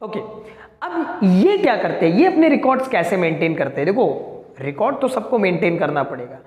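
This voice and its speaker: A man's voice: sits high, sing-song, a little fast, darkish tone. Male teacher in a reverberant room. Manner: asks the class questions and answers them himself, stretching out key terms; mixes Hindi with English terms. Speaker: commerce teacher. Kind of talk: accounting lecture to students. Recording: echoey room with long reverb.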